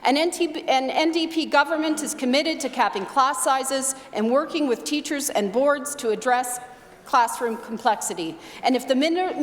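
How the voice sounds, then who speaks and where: A Canadian woman speaks as an opposition member in a parliament, formal and accusatory. Her voice is high, and it rings with long reverb in a big chamber. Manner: accusatory, critical. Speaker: opposition legislator. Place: large indoor legislative chamber.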